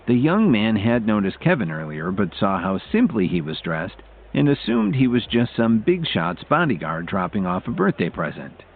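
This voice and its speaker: A man narrating an audiobook in an expressive storytelling manner, heard through tinny phone-like audio. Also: on the low side, moderate pace, a little hiss or hum.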